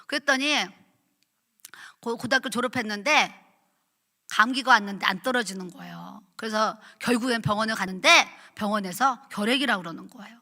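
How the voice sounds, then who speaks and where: A middle-aged woman pastor preaching at a revival, telling her own story in an animated, chatty way and acting out quotes. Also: mid-range voice, brisk. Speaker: pastor, guest revival speaker. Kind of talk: sermon with personal testimony. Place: church sanctuary at a revival meeting. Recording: echoey church hall.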